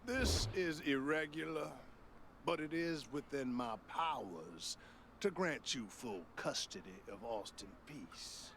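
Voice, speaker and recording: An actor playing a stern, dutiful official in a video game, speaking formally and deliberately. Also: male voice, mid-range voice, animated, fairly bright tone, a little hiss or hum. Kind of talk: video game character acting.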